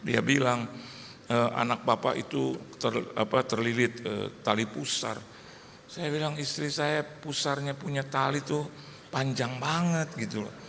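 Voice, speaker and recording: A middle-aged male pastor preaching a sermon, telling a personal story in a lively, storytelling way and acting out the dialogue. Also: mid-range voice, vocal fry, a little hiss or hum. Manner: storytelling, animated, acts out dialogue. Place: large church hall. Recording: echoey church hall, faint ambience.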